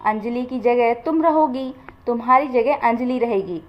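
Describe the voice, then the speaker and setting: Storybook narrator's take on a stern, demanding male boss, read by a woman: high voice, brisk orders, dull lo-fi sound. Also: close to an everyday voice. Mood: commanding. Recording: dull lo-fi recording.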